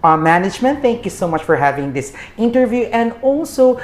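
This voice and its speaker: A woman's voice: fairly high pitch, big pitch swings, brisk. A woman hosting an interview show in a conversational, effusive and complimentary way. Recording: roomy echo, faint background noise.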